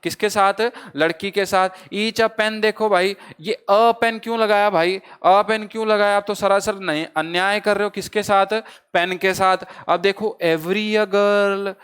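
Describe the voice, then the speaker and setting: Man, high smooth voice, grammar teacher, asks and answers his own questions, teasing. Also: steady tone, measured pace, hardly any pauses, fairly bright tone. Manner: asks the class a question, then answers it himself; calls listeners brother and friends. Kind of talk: exam-prep grammar lesson.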